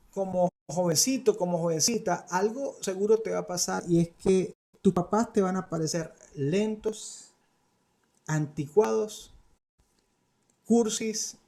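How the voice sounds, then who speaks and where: A man preaching in an animated, conversational way, dropping in playful asides. His voice sits fairly high for a man but has a dark, mellow color. A gravelly rasp runs through his words. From Colombia. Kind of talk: sermon to parents and youth. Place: studio.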